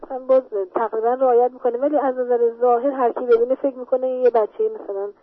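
A woman calls in to a radio show, sounding worried and unsure of what to do. Her voice is husky and a little high. She comes through a tinny phone line. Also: flat delivery, no echo. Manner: worried, uncertain. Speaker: caller.

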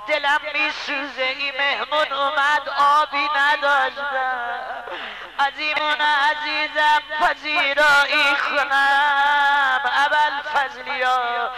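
A man's voice: very high-pitched, little pitch movement, over music. A man leading a religious gathering as a eulogist, delivering an impassioned mourning recitation in a half-chanted, emotional voice.

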